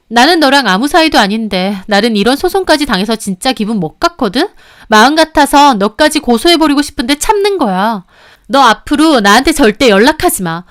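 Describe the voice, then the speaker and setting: A contemptuous young woman snaps and sneers, her voice pitched high and loud, as a female reader puts her on. The tone is smooth and clean, recorded dry and close. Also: dry recording. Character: sharp-tongued young woman, the husband's scornful ex-lover. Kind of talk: dramatized story reading.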